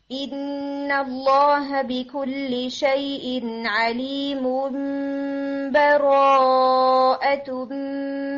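A woman teaching the rules of Quran recitation, explaining step by step with patience and mixing in English words. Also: sits high. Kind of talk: tajweed lesson. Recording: dull lo-fi recording.

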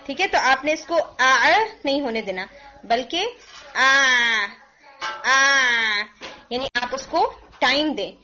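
A woman teaching recitation, demonstrating each sound slowly and mixing in English phrases, with a sore throat that she keeps clearing. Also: high voice, a bit bright, muffled recording, a little hiss or hum. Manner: mixes English phrases into Hindi-Urdu. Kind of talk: pronunciation lesson.

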